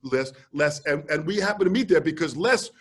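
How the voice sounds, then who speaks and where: Animated, husky older man telling stories. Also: fairly high pitch, a little fast. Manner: lively storyteller who shouts out quoted lines and mimics voices. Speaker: drum teacher telling stories. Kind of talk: animated storytelling on a group video call. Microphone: video call.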